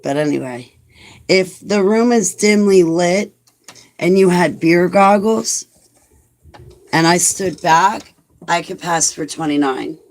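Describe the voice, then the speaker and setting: A woman's voice: on the low side, slow pace, long pauses. 40-something woman vlogging, lots of "like", pokes fun at herself. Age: 40s. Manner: chatty and self-mocking, rambling with many "like"s. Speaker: vlogger talking to viewers. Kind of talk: casual chat reading live comments.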